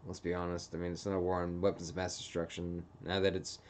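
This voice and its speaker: A man's voice: low voice, completely flat delivery, quick pace, darkish tone, a little hiss or hum. A young man rambling through a casual solo monologue, full of filler phrases, as the host of his own show. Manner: meandering, heavy on filler phrases. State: hiccups. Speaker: podcast host.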